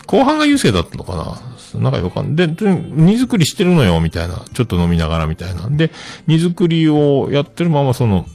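A man's voice: fairly low pitch, creaky, a little mellow. A man hosting a show, chatting casually on his own in a rambling, self-joking way. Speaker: host. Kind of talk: casual solo chat.

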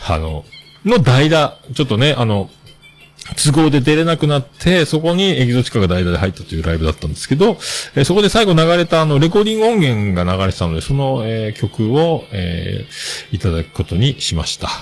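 A man's voice: medium pitch, very animated, quick pace. A man with a hosting a casual solo talk show, rambling and chatty with many fillers.

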